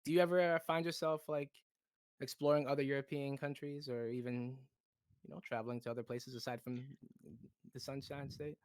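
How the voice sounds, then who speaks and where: An upbeat, chatty man hosting a casual livestream chat with a guest. He teases and talks easily, his voice at a middle pitch. The sound is dry and close, with no room around it. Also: level tone, a little fast, clear, resonant tone, no echo. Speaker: community host.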